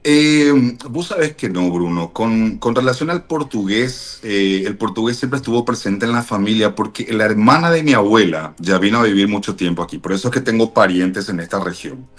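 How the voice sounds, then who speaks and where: A Paraguayan man being interviewed, explaining things in a measured way with frequent fillers and restarts. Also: on the low side, animated. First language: Spanish. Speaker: interview guest, language teacher. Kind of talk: thoughtful explanatory interview answers.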